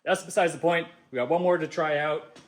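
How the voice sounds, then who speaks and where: A man hosting a casual do-it-yourself vlog, talking to himself with excitable, self-mocking energy as he tests his tools. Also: a little high, a little fast, echoey room. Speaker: DIY video host. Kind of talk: casual vlog narration while testing tools.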